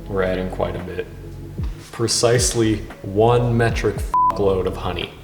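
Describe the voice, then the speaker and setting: Giggly drunk man, low-voiced, in a reverberant room. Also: steady tone, a little slow, gravelly. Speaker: host of a drunk cooking video. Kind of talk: casual cooking vlog chat. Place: indoors in a kitchen. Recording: reverberant room, music behind.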